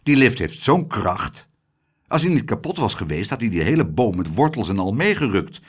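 A man's voice: on the low side, very animated, normal speed, husky. Opinionated older woman from a storybook, dismissive and sure of herself; done by the male reader. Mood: scoffing. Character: bossy, know-it-all older woman.

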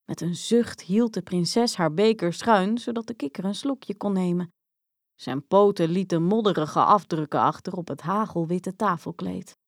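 A woman's voice: fairly low pitch, normal speed, dry recording, studio quality. Woman reading a fairy tale aloud. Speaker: storyteller. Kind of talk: storybook read-aloud.

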